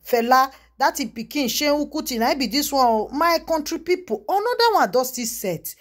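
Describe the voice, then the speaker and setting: A woman with a Nigerian Pidgin accent talks straight to her viewers, spilling gossip with loud exclamations and repeated asides. Her voice sits a little high for a woman. She keeps calling back to her audience as she goes. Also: expressive, normal speed. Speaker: vlogger. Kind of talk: casual gossip commentary.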